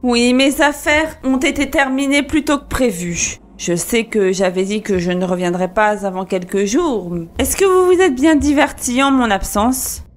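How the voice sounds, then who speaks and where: A woman's voice: a little high, normal speed, few pauses, lightly acted. A woman doing a cruel, commanding husband. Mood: menacing. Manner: cold, commanding orders. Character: cruel male murderer husband, menacing.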